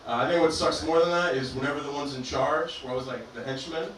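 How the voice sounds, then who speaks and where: A man from Albania doing a stand-up comedy set in a club with a deadpan, self-deprecating delivery. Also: on the high side, fast talker, very echoey, far from the mic, slight background noise, poor audio. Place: comedy club stage, performing to a live audience.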